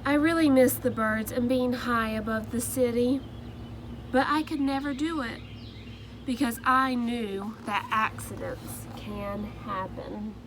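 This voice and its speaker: Woman reading as a timid storybook egg, soft and earnest, slow, slightly high voice, background noise. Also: fairly even intonation, lightly acted. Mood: hopeful. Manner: soft, earnest first-person storybook narration. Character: timid male egg narrating his own story.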